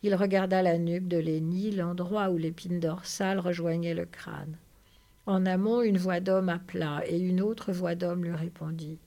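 A woman reading a novel aloud, narrating in a steady storytelling way. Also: on the low side, moderate pace. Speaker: reader.

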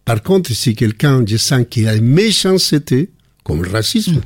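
An older man speaking French with a foreign accent, telling personal stories in a relaxed conversation with frequent restarts. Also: medium pitch, unhurried, husky, no echo, studio quality. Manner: warm anecdotal storytelling with frequent restarts. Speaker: guest. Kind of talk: casual conversation.

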